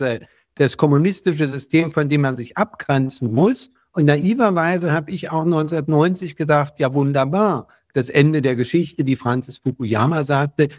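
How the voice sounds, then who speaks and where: An older man from West Berlin answering interview questions at length, measured and often repeating words as he searches for them. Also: on the high side, darkish tone, no room sound, studio quality. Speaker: guest.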